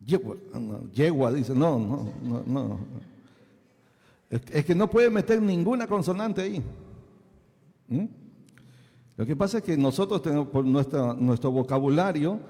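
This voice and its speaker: A male pastor delivers a teaching sermon in a fairly high, mellow voice. He keeps asking his listeners whether they follow. The sound carries a long reverb from the hall. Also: expressive, a little slow, pauses often. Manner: asks the congregation many checking questions.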